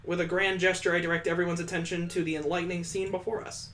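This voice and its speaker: Reading visual novel narration aloud, this game playthrough host of unclear gender is expressive and jokey, tossing in casual asides. The voice sits at a medium pitch and moves fast.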